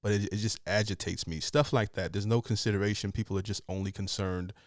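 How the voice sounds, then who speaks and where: A man's voice: on the low side, fairly even intonation, fast talker, no room sound, clean studio sound. A man hosting a reaction video, talking in an easygoing way with frequent laughs and restarts. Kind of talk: casual reaction commentary.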